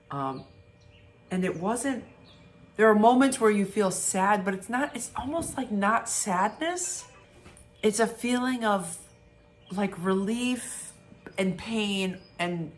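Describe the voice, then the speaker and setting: A middle-aged woman hosting a vlog, stuffy and congested, talking in halting, searching sentences. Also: fairly low pitch, a little hiss or hum. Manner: halting, restarts, searching for words. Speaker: vlog host. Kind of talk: casual reflective vlog talk.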